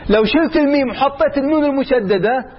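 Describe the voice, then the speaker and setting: A man's voice: extremely high pitch, fast, dull audio. A man teaching grammar in a classroom, quizzing his students and repeating example after example. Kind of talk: classroom lesson.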